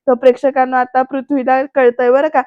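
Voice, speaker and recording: A woman's voice: high voice, flat delivery, brisk, clean tone, muffled recording. A woman narrating a chatty voice-over recap of a TV serial episode who addresses the viewers directly.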